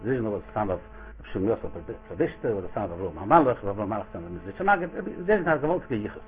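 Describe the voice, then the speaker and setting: A man with a Yiddish accent giving an informal Torah lecture as a rabbi, acting out dialogue and asking rhetorical questions in an animated storytelling way. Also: lowish voice, very fast. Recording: thin, phone-like radio-quality audio.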